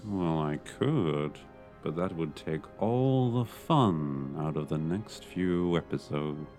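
A man's voice: rumbling low, animated, slow, darkish tone, faint music behind, heavily acted. A man playing a sultry, teasing female intruder. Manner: teasing, purring flirtation. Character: sultry sneaky female knife-wielding intruder. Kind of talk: comedy audio drama acting.

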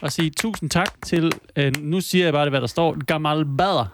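A man's voice: on the high side, a crowd in the background, noisy background. A man co-hosting a casual podcast chat, teasing his co-hosts and reading out announcements in an informal way. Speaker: podcast co-host.

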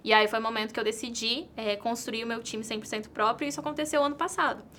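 A Brazilian woman with a fairly high, bright voice, speaking as an entrepreneur in an interview. She talks earnestly and repeats her key points for emphasis. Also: steady tone, quick pace, slight background noise. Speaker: entrepreneur and content creator. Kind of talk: interview answers.

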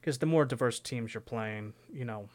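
A man's voice: mid-range voice, normal speed. A young man co-hosting a sports podcast, talking casually and rambling with lots of "you know". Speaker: podcast co-host.

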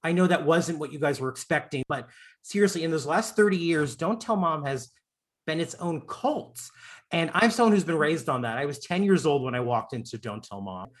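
A man around forty from the American South, born in Long Island and raised in Florida, hosts a casual celebrity interview in an effusive, campy, joking style. His voice is a little high, with lively intonation and a moderate pace.

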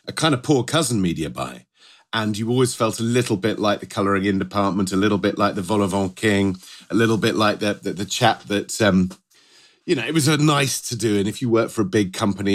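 Low-pitched middle-aged British man, podcast host. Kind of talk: conversational podcast talk.

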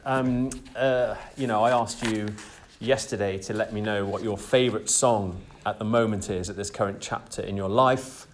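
A man's voice: lowish voice, fairly even intonation, normal speed, hardly any pauses, slight background noise. A man hosting a casual interview, rambling with many fillers and open praise for his guest. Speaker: podcast host.

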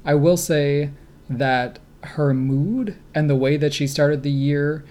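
A man's voice: on the high side, takes it slowly, a little mellow. A man with a Great Lakes American accent giving casual sports commentary as a podcast co-host.

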